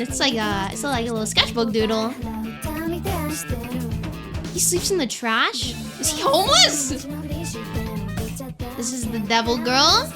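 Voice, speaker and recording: A woman VTuber giving excited, casual reaction commentary, exclamatory and easily amazed. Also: sits high. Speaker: VTuber reacting to anime openings. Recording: music playing behind the voice. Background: anime theme songs.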